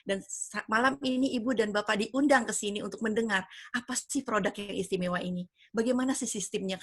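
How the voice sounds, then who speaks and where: A woman in her fifties, originally from Padang, Indonesia, and living in the United States, hosts an online business presentation on a video call from home, enthusiastic and persuasive with many fillers. Her mid-range voice is fairly bright and slightly rough, in a dry, clean studio-like recording.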